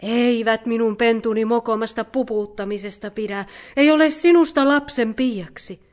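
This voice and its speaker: A woman voicing a motherly, choosy female bear in a storybook reading, talking loudly and with emphasis. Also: a little high, natural voice.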